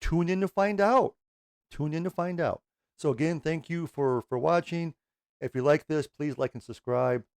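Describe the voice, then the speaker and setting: A man's voice: mid-range voice, creaky, a little mellow, dry recording. Rambling middle-aged man, casual host. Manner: rambling, self-correcting, swears casually, talks with his hands. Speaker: music reaction channel host. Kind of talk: casual chat to camera.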